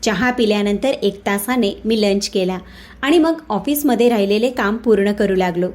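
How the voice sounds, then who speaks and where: A woman narrating a family story in the first person, reading in a steady, plain way. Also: medium pitch, moderate pace.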